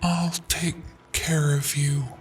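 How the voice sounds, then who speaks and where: A man voicing a young woman who is turning into an eerie monster, speaking in a soft, coaxing tone in a storybook horror tale. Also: fairly high pitch, flat delivery, slow pace, slight background noise, pitched above the performer's own voice. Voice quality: eerie, many voices at once.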